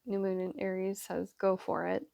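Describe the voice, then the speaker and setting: A woman's voice: mid-range voice, little pitch movement, normal speed, gravelly, darkish tone, dry recording. A woman giving a casual tarot reading to her viewers, chatty and rambling with many fillers. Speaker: tarot reader.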